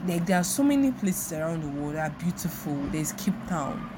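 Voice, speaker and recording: Her low voice swings widely in pitch and moves briskly as this young Nigerian woman, speaking with a Nigerian accent, rambles reflectively through her solo podcast and repeats herself often. The monologue is casual, set against a noisy background.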